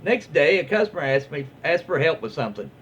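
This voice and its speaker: A man hosts a casual read-aloud, telling stories in a folksy, informal way with a Southern US accent. His fairly high, slightly bright voice swings widely in pitch, and he speaks briskly. Expect muffled, lo-fi audio with faint background noise.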